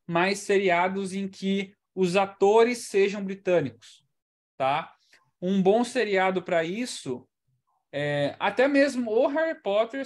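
A man teaching English in an online class, explaining in a chatty way and checking in often with the students. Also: high voice. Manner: chatty, explanatory, ends points with "tá?".

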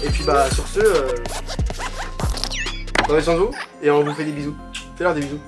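A man's voice: a little high, normal speed, over music. A young man hosting his video, chatting in slangy, laughing banter with a friend. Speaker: YouTuber host. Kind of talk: casual chat with a friend.

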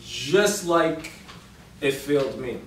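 A man giving a storytelling speech to an audience, animated and dramatic, with emphatic rises. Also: a little high, slow. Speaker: public speaker. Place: meeting room before an audience. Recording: roomy hall sound from a distant mic with faint noise.

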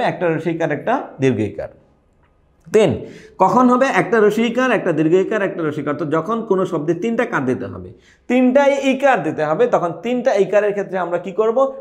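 Young male teacher with a high voice, lecturing in a quick question-and-answer style. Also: a little mellow. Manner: asks questions and answers them himself, repeating key words. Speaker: exam prep teacher.

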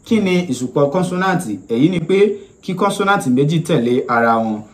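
A young man with a Nigerian Yoruba accent, a native Yoruba speaker, giving a deliberate, explanatory language lesson as an instructor. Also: on the high side, expressive. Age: young adult. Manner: deliberate, explanatory, repeats each point. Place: small indoor room, seated.

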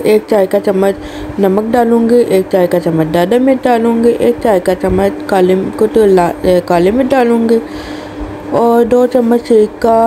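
A woman narrates a home cooking video, walking through each step in a plain, practical way and sometimes restarting a word. Her voice sits at an ordinary pitch for a woman. Clear background noise runs under her voice in a home kitchen recording. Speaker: cooking channel host. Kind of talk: recipe voice-over narration.

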